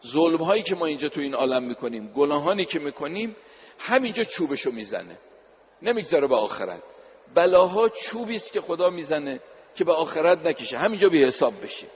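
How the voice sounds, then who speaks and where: A male preacher giving a religious sermon, slowing down to recite scripture and repeating key lines for emphasis. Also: a little high. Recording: dull recording in a reverberant hall.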